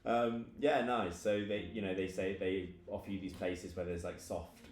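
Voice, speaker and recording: A man's voice: low-pitched, fairly even intonation, normal speed, reverberant, slight background noise. A man narrating as game master in a casual, rambling way full of fillers. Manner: casual, filler-heavy, laughs often.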